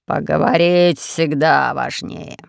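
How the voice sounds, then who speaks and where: A man's voice: a little high, takes it slowly, creaky, no echo, clean studio sound, pitched below the performer's own voice, exaggerated voice. A man voicing a sly, pompous old male castle lord in an audiobook, drawling each word with mock courtesy. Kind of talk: audiobook character voice.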